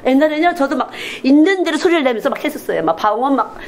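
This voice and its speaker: A woman's voice: high-pitched, very fast, slight background noise, poor audio. A woman missionary preaching a Sunday sermon in a candid, confessional way, often acting out quoted speech. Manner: animated, acts out quoted speech in different voices.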